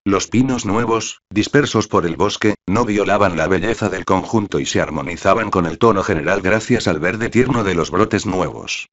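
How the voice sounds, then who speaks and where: A man narrating a classic novel as an audiobook, reading in a measured, steady way. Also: low-pitched. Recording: dull lo-fi recording.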